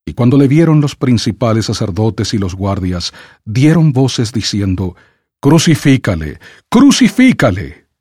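A man reading scripture aloud for an audiobook in a measured, solemn way. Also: lowish voice, animated, dark tone, husky, no room sound, clean studio sound. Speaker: scripture reader.

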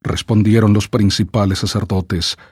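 Husky low guy doing a slow solemn bible reading, dry close sound. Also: little pitch movement, a little mellow, no echo. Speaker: scripture reader. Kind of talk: audiobook scripture reading.

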